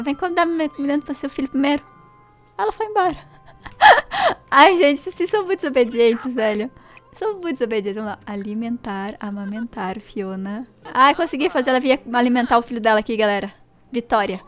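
A young woman giving chatty, excitable let's-play commentary to her viewers. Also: fairly high pitch. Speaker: gaming channel host.

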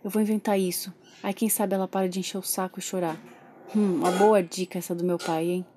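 A woman's voice: on the low side, little pitch movement, fairly quick, background noise, voice pushed down, lightly acted. A woman voicing a frustrated young father who complains about a crying baby in a toy soap opera. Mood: exasperated. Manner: exasperated and complaining. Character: frustrated young man, reluctant new father.

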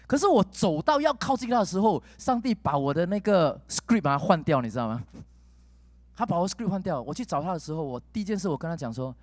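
Lively higher-pitched male preacher. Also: quick pace, no echo. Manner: lively storytelling with wide pitch swings, tossing in English words. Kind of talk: sermon with personal storytelling.

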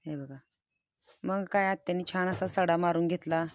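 A woman's voice: on the low side, steady tone, moderate pace, dry recording, studio quality. A woman narrating her village life vlog in a casual, chatty and homely way, cheerfully describing everyday chores.

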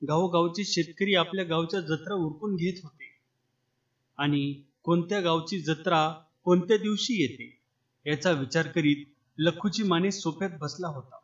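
A man narrating an audiobook story in a steady, dramatic reading style. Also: on the high side. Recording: dull lo-fi.

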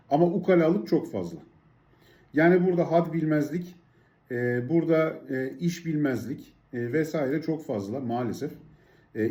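A man's voice: medium pitch, warm tone. A man from Turkey telling a frustrating story to camera in a worked-up vlog rant, constantly breaking in with "I said" and "she said". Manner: worked-up, keeps inserting "I said" and "she said". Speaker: vlogger living abroad. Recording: echoey room.

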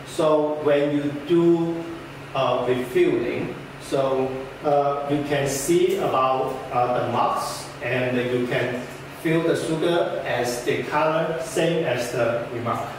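Picked up by a distant camera in an echoey meeting room with a projector screen and background noise, a young man of medium pitch trains a group on a product. He speaks haltingly, using frequent "uh" fillers and non-native phrasing.

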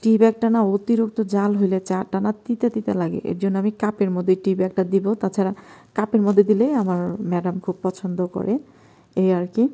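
A woman from Bangladesh with a Bangladeshi accent, narrating a home cooking vlog in a soft, quiet voice at night in her kitchen. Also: mid-range voice, fairly even intonation, brisk. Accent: Bangladeshi Bengali. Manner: talking softly and quietly at night.

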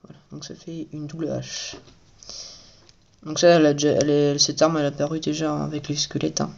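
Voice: medium pitch, little pitch movement, a little fast, gravelly, muffled recording, slight background noise. A toy reviewer giving casual commentary while building a set at home at night, chatty and repeating the same praise.

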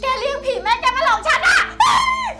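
A woman playing a panicky young swindler who pleads and shouts in a short film. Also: extremely high pitch, fast. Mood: pleading. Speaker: swindler who cheated an aunt. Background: loud music.

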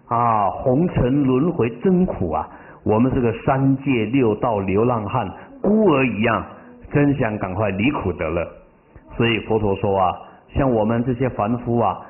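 A man as a Buddhist master giving a sermon and telling stories, drawing out the ends of his phrases with feeling. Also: medium pitch. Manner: drawn-out emotional phrase endings. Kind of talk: sermon with storytelling. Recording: tinny phone-like sound.

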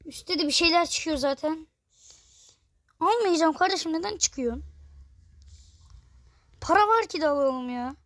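A woman narrates her own gameplay to her viewers in a high, bright voice. She is excitable and swears in jest when she gets exasperated. The sound is dry and close. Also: measured pace, long pauses, no echo. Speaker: gaming video creator. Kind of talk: live gameplay commentary.

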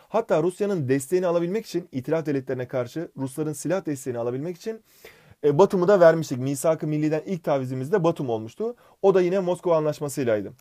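A man's voice: on the high side, dark tone. A young man teaching an exam-prep history lesson in a joking, chatty way, bantering with his student. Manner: fast, joking, addresses sidekick by name.

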